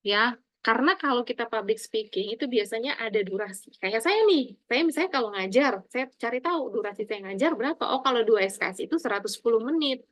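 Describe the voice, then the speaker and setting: A middle-aged woman lecturing her students, speaking in an animated, emphatic way and addressing them fondly as her children. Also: fast, dry recording, poor audio. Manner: animated, addresses listeners as "Nak", emphatic swings in pitch and loudness.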